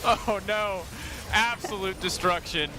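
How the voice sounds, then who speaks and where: A man casting an esports match live, playful and quick with banter. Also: sits high, very noisy. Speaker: esports caster.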